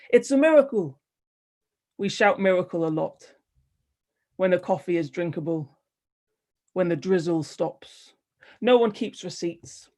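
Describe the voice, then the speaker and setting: A woman poet reading her poems aloud in a measured, wry delivery, with hesitant, rambling asides between them. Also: fairly low pitch, a little mellow. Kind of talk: poetry reading with spoken asides.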